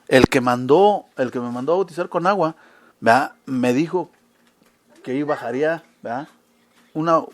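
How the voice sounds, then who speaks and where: Male preacher, high voice, peppers his sermon with rhetorical questions. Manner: asks listeners frequent rhetorical questions.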